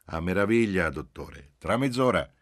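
A man voicing a hearty, overly familiar police agent who talks loudly on the phone in an audiobook. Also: sits low, lively intonation, moderate pace, no room sound, studio quality, pitched above the performer's own voice. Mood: jovial.

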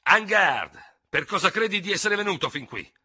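A man reading aloud voicing a hot-headed young hussar officer, shouting and taunting his rival in fury. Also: high-pitched, very animated, normal speed, slightly rough, voice pushed up, full character voice. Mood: raging, taunting. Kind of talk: dramatic audiobook reading.

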